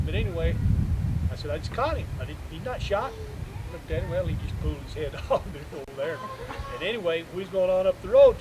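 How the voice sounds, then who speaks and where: A man's voice: high-pitched, highs cut off. A man telling a folksy hunting story at a campfire gathering outdoors. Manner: folksy rural yarn-spinning. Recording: loud outdoor noise. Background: outdoor noise.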